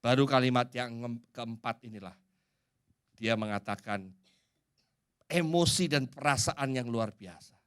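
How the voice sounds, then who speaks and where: A man's voice: medium pitch, unhurried, pauses often, clean tone. Emphatic Indonesian man preaching a sermon. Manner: dramatic swings from loud to hushed.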